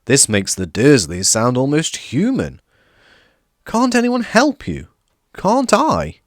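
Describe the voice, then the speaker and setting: A polite young wizard boy, awkward and hushed, trying to keep things quiet, as a male narrator reads him. His voice is lifted a little above the narrator's and moves up and down freely. The sound is close and dry. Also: fairly high pitch, wildly swooping pitch, slow, no room sound, pitched above the performer's own voice, heavily acted. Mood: flustered.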